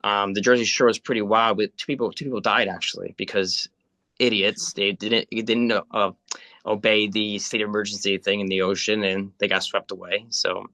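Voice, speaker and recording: This is an Italian-born man in his late thirties, talking casually on a video call. His voice sits fairly low but sounds bright and forward. He rambles, filling gaps with "um" and restarting sentences, and the sound is dry and close. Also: flat delivery, moderate pace, dry recording. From Italy. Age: 30s. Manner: rambling, many fillers and restarts. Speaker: spiritual guide.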